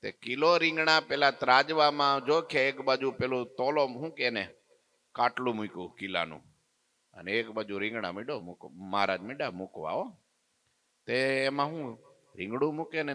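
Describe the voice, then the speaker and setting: A man giving a devotional storytelling discourse in a temple, animated and swinging between loud and soft as he acts out the quotes. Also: mid-range voice, normal speed. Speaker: swami giving a scripture discourse. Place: temple hall.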